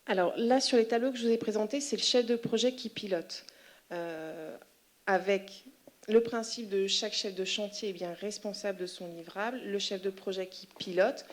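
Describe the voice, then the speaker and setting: A woman giving an explanatory presentation to a professional conference, in a medium-pitched voice. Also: normal speed. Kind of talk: explanatory presentation with questions and answers.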